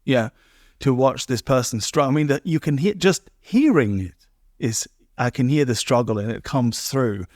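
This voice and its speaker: A man's voice: medium pitch, animated, normal speed, darkish tone, dry recording, studio quality. A man hosting a podcast, reflecting thoughtfully and asking tag questions. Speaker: podcast host. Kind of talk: reflective interview talk.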